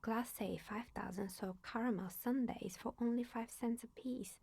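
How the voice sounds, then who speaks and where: A woman voicing a chatty older woman in a video game, telling local stories in a dry, wry, breathy way. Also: on the high side, fairly even intonation, moderate pace, warm tone, no room sound. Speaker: game character. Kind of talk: voiced video game dialogue.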